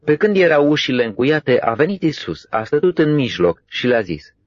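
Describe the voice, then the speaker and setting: A man giving a steady, expressive scripted Bible reading. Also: mid-range voice, no echo, muffled recording. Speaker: scripture reader.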